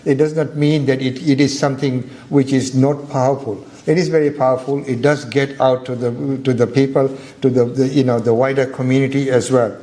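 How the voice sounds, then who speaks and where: A man hosting an event, speaking informally and haltingly to a gathering, often repeating words. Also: medium pitch, flat delivery, warm tone. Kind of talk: informal, semi-improvised public address.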